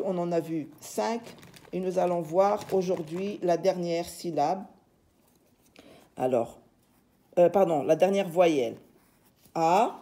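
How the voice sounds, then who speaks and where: A woman's voice: lowish voice, vocal fry, dark tone. A woman teacher giving a reading lesson, patiently sounding out letters and syllables one by one.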